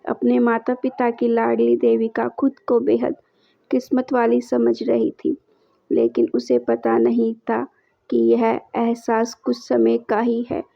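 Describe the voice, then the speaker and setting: A woman narrates a family story in a slow, measured reading that stays on a flat, even line. Her voice sits fairly high with a gravelly fry. The recording is dry and dull, with a muffled lo-fi sound.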